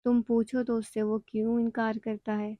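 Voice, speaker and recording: A woman voicing a blunt, quick-tempered, loving old grandmother who scolds freely. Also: fairly high pitch, flat delivery, dark tone, no echo, lightly acted. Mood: scolding. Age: older.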